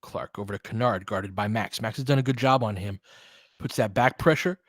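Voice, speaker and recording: This fan commentator has a lowish voice and speaks a little quickly, recorded with studio quality and no echo. He calls basketball action casually, adding his own opinions and chatty analysis while telling the players what to do.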